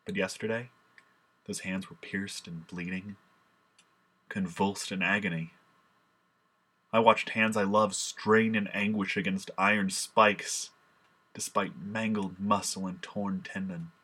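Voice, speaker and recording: A man's voice: low voice, steady tone, slow pace, long pauses, bright, forceful tone, breathy edge, full character voice. A man performing a solemn, impassioned first-person monologue as a grieving, remorseful apostle. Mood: sorrowful.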